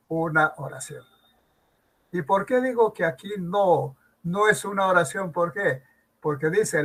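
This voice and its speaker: Gravelly, fairly high-voiced man, an online class teacher who keeps quizzing students. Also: sharp tone, low-quality recording. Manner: asks students questions, repeats examples slowly. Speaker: language teacher.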